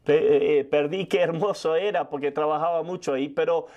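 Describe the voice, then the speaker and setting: Older male preacher, high voice, rapid testimony-style sermon with restarts. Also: steady tone, dull audio. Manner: fast storytelling with frequent restarts.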